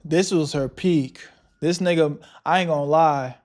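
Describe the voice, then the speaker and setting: Slow slangy streamer on livestream headset audio. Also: male voice, a little high, a little mellow. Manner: slangy, drawn-out, talks back to the video. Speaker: livestreamer reacting to a video. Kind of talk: casual live reaction commentary.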